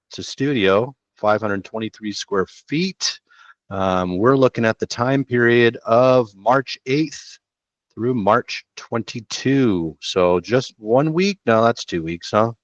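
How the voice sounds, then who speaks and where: A middle-aged real estate show host chats casually and slangily through listings, speaking into a headset from a small room in a laid-back, talkative way. His medium-pitched voice moves slowly, and the home recording is dull and dry with no room sound.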